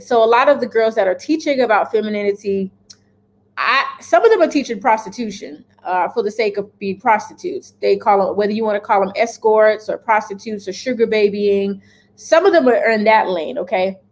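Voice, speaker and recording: In her home kitchen, a lifestyle vlogger in her thirties shares her opinions to camera in a casual chat. She has a mid-range voice and moderate pace, speaks directly and emphatically, and often checks in with "okay?".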